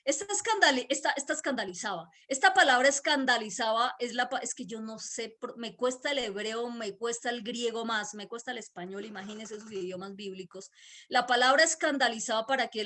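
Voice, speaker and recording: A woman's voice: fairly high pitch, brisk, sharp tone. A woman with a Boyacá Colombian accent preaching a virtual church sermon, emphatic, repeating key words and putting questions to her listeners.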